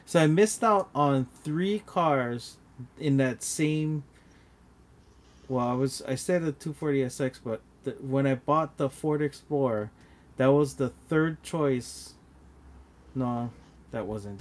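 A man chatting casually on a livestream, halting and correcting himself as he goes. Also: medium pitch. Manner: halting, hesitant, lots of restarts. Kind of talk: casual chat.

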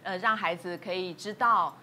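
A woman's voice: on the low side, moderate pace, sharp tone, slight background noise. A woman on a TV parenting talk show explaining earnestly, emphatic when she tells her own stories.

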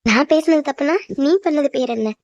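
A woman plays a fiery young heroine in a cartoon drama who talks back in a sharp, accusing way. Her voice sits high and the words rush out fast, with a dry sound. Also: no echo, highs cut off. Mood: indignant. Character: young woman, defiant and outspoken. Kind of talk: cartoon voice acting.

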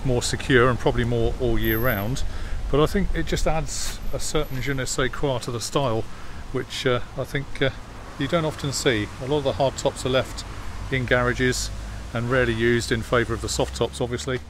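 A male classic car vlogger gives a relaxed, hesitant walk-around commentary with many fillers in an outdoor car park, recorded on a phone. His mid-range voice moves at normal speed with few pauses, and a jet washer plus outdoor noise are clearly heard behind him.

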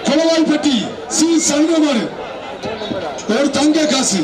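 A man with a Tamil Nadu accent giving excited live bull-taming commentary over a loudspeaker, with urgent, repetitive chanting calls and commands. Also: extremely high pitch, takes it slowly. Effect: amplified through a public-address loudspeaker. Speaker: jallikattu bull-taming event announcer. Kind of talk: excited live arena commentary, calling out bulls and prizes. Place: outdoor bull-taming arena. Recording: echoey outdoor loudspeaker, distant, crowd noise. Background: crowd.

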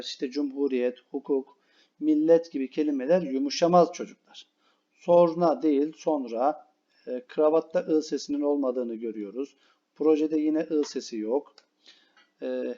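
A man with a Turkish accent, teaching a spelling lesson to schoolchildren. He stretches out each correct word slowly and keeps calling on the children. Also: fairly high pitch, dark tone, dull audio. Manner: slow, drawn-out stress on each correct word; addresses pupils as children, explanatory.

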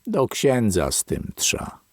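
A suspicious, grumbling old grandfather, as a male audiobook reader puts him on, his voice gravelly and husky. He speaks slowly, muttering his words, pitch swinging widely. The recording is dry and close. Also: huge pitch swings, darkish tone, no room sound, heavily acted. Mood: musing. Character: old man, grandfather, superstitious and wary. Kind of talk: audiobook character reading.

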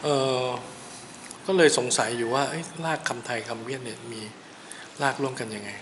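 A man vlogging casually as he tastes a local dish at a small eatery, talking in a relaxed, musing way with polite particles and frequent pauses. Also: medium pitch, low-quality recording. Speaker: travel vlogger. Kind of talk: casual food-tasting vlog. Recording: clear background noise.

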